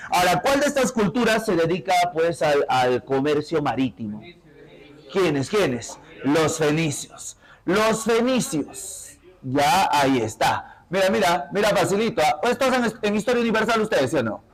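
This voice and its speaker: A male teacher with a Peruvian accent leading an interactive lesson, firing quick questions at his students and pushing them to answer. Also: on the high side, very animated, rough recording. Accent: Peruvian Spanish.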